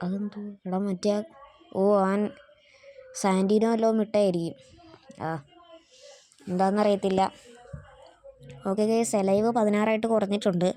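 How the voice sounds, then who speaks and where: A woman's voice: medium pitch, little pitch movement, moderate pace, long pauses, dark tone. A woman hosting a gaming channel, giving casual gameplay commentary and chatting to viewers as she plays. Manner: chatty, keeps addressing viewers as guys.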